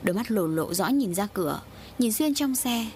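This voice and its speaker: A woman narrating a horror audiobook in a steady, grave storytelling manner. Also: medium pitch, moderate pace, a little hiss or hum.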